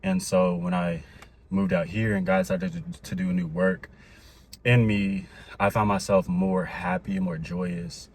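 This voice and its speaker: A young man chats in a loose, rambling vlog style, a little winded as he talks. His voice sits low. Faint ambient noise hums behind him. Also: level tone, measured pace, darkish tone. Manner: upbeat, rambling, faith-filled talk with fillers. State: out of breath. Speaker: vlogger. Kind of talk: casual vlog talk. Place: Dallas, Texas.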